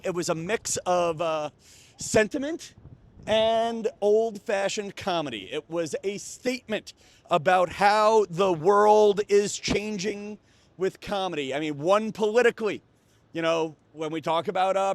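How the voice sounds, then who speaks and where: A man who is a comedian and host, talking in a casual, joking vlog monologue into a small remote microphone. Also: high voice. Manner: joking, conversational. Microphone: small remote microphone with a phone.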